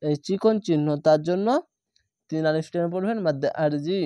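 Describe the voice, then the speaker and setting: A man with a Bangladeshi Bengali accent teaching Quran reading, spelling out each letter slowly and then chanting the words. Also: a little high, warm tone, no room sound. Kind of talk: spelling out recitation lesson.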